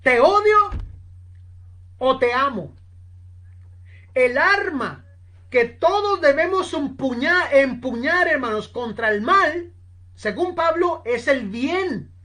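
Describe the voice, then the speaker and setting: Slow, high-voiced woman preaching. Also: expressive, fairly bright tone. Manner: addresses listeners as brothers constantly; slow, emphatic storytelling. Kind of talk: sermon. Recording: online seminar recording.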